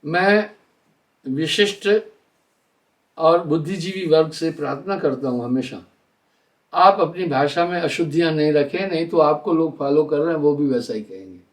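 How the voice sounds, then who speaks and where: An older man giving a live spiritual discourse in a deliberate, explanatory way, slowing down to spell out sounds. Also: a little high, far from the mic. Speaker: spiritual teacher.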